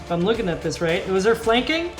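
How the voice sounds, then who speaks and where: Woman game master, commanding and brisk, narrating tabletop combat; echoey space, music clearly behind. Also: medium pitch, big pitch swings. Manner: brisk, commanding calls of rules and countdowns.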